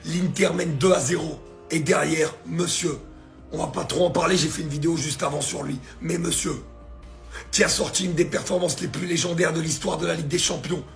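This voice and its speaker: Hoarse man raving about a match. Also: on the high side, fairly even intonation, brisk, soft background music. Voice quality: gravelly, strained voice. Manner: grandiose, emphatic. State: hoarse from shouting. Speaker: football content creator. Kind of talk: excited match reaction.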